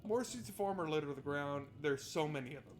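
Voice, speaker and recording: A man whose voice is on the high side reads visual novel narration for a let's play, speaking animatedly and a little fast. He heckles the text in a sarcastic, exasperated, sweary way, with game music playing behind his voice.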